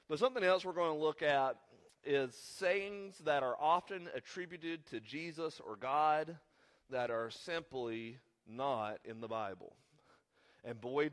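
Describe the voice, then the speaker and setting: A man's voice: mid-range voice, a bit bright. A man preaching a sermon as the pastor while sick, with rambling, joking asides. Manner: rambling, self-deprecating asides. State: sick, under the weather. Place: church sanctuary.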